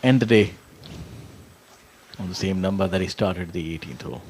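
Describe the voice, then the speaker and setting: A man giving live golf commentary in a measured, hesitant way, pausing often as he goes. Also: deep voice, darkish tone, a little hiss or hum. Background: whirring drone blades, outdoor ambience.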